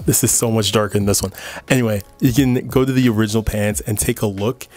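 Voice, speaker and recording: Laid-back young man, low chatty voice. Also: fast. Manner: relaxed, chatty, lots of fillers like "like" and "you know". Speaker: sewing channel host. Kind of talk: casual sewing tutorial.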